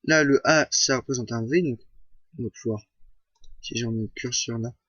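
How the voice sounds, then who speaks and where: A man giving a screen-recorded software tutorial, hesitant, with many fillers and self-corrections. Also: medium pitch, moderate pace, dry recording, dull audio.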